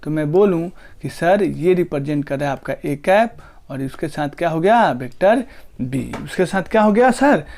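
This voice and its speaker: A man's voice: fairly high pitch, lively intonation, vocal fry, darkish tone. Man teaching, quizzing his class. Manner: asks students rhetorical questions and answers them himself; drawn-out slow dictation of terms. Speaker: physics teacher. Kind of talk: classroom lecture.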